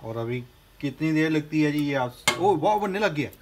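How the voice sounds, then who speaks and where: Holding his phone camera, a man in his thirties records a relaxed home vlog in his kitchen and up on the rooftop, chatting cheerfully to his viewers with frequent exclamations. His voice is on the high side and animated, at a normal pace. The audio is noisy.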